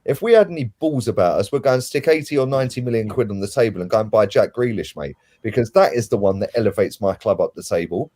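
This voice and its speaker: A man's voice: on the low side, lively intonation, quick pace, few pauses, dark tone. A man giving an opinionated football rant as a fan pundit, blunt, emphatic and colloquial.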